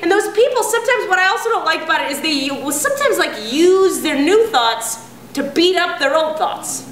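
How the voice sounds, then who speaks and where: A woman doing a stand-up comedy set, animated and sarcastic, often acting out other people. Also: very high-pitched, fairly quick. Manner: animated, sarcastic, acts out characters. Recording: echoey room, audience noise.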